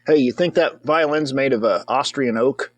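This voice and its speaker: A man's voice: medium pitch, moderate pace, dry recording. A man giving casual, comedic commentary over a movie as a reviewer. He rambles, jokes, and breaks into whoops and cheers.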